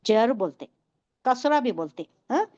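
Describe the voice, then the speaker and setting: A high-pitched woman teaches a Quran tafseer lesson, translating the Arabic phrase by phrase and stopping to quiz her students. Her voice sounds dry and close, with a slightly dull, muffled sound. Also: sing-song, darkish tone, no echo. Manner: explains Arabic word by word, quizzes listeners.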